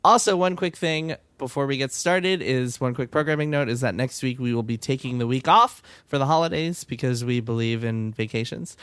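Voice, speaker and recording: A man's voice: mid-range voice, moderate pace, hardly any pauses, fairly bright tone, smooth, no room sound. A man co-hosting a casual podcast chat, rambling with fillers and restarts. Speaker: podcast co-host.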